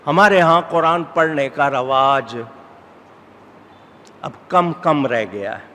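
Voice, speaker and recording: A middle-aged man delivering a sermon as an Islamic scholar, measured in tone and rising to emphatic exhortation. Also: on the high side, animated, pushed and bright. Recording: hall reverb with faint background noise.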